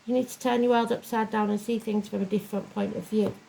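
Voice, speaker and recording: In a rough recording with obvious fan noise, a woman speaks at a quick pace, her medium-pitched voice steady and dark. As host of a weekly zodiac reading and a tarot and astrology reader, she gives a casual, straightforward horoscope that rambles along.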